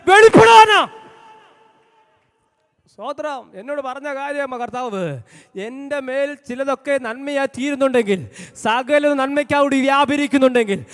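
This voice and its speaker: A man preaching a sermon as pastor in a church hall, with fervent, repetitive call-and-response lines that build to shouts. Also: extremely high pitch, clean tone. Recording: long hall reverb.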